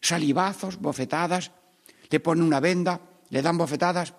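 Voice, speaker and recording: A man leading a Stations of the Cross meditation, praying aloud and swinging between hushed pleas and loud, emphatic lines. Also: on the high side, moderate pace, creaky, in a large hall. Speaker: priest.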